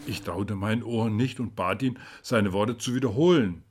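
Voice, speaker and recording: A man's voice: lowish voice, normal speed, husky. A man reading a spooky story aloud, dramatic and rising to cries at tense moments. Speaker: narrator.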